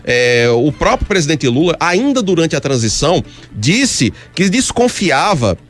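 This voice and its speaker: A man's voice: a little high, very animated, a little slow, faint music behind. A man commentating on politics in a heated radio debate, emphatic and argumentative, pressing his point insistently from a radio studio.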